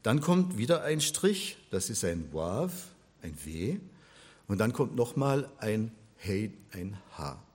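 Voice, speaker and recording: Man lecturing, husky voice, slow and lively delivery, patient step-by-step explaining. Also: on the low side. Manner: patient, spells things out step by step. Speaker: religion teacher.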